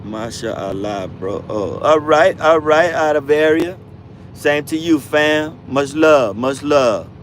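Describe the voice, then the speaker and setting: There's slight background noise as a truck driver in his fifties takes his time replying to comments on his laid-back livestream. His pitch is fairly high, he talks slowly, and his speech is full of slang, with viewers called bro and fam.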